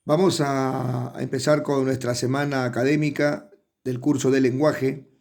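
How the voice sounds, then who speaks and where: A man's voice: medium pitch, little pitch movement, measured pace, creaky, darkish tone. A middle-aged man, a teacher giving an online class who explains step by step and often checks in with his students. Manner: explanatory, addresses students often, frequent tag questions.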